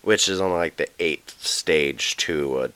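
Male podcast co-host, deep and dry, casual cursing, lots of um and like. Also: fairly bright tone, smooth, no room sound. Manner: loose, profane, halting with many fillers. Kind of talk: casual true crime chat.

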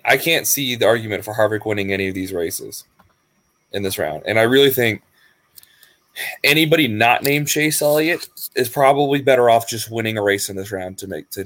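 A man's voice: mid-range voice, no echo. A man co-hosting a sports podcast, arguing his pick with emphatic repetition. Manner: emphatic, repeats points. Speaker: podcast co-host. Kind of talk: casual debate.

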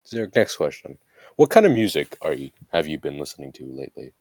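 Very deep-voiced young man, teasing. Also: sing-song, quick pace, darkish tone, no echo. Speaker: podcast co-host. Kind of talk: casual podcast chat.

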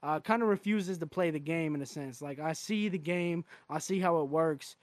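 A man's voice: fairly high pitch, moderate pace, no echo, clean studio sound. A man in his twenties hosting a podcast, frank and casual, swearing freely. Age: 20s. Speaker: podcast host.

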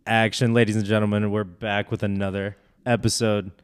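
A man co-hosts a casual podcast with a low, smooth voice. His delivery is flat and even, with a steady, offhand and joking tone. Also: brisk. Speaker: podcast co-host.

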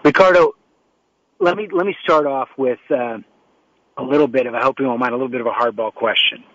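Speaking a little fast in a bright, medium-pitched voice, this man hosts an interview show from his New York home via a remote call setup. The sound is lo-fi and dry, with no room sound. He rambles slightly, restarting often and filling pauses as he introduces guests and poses questions.

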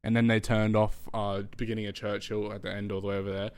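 A young man with a slight lisp talks in a lowish voice, loose and rambling, throwing in swears and filler words. The sound is dry and close, with no room echo. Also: flat delivery, fast talker, clear, resonant tone. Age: late teens. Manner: rambling, swears freely, lots of ums and laughs. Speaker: podcast host. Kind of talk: casual podcast chat.

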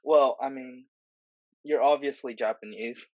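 A man's voice: medium pitch, unhurried, no echo, muffled recording. Hesitant man asking casual questions. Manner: hesitant, many fillers and restarts. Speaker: podcast host. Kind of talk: casual conversational interview.

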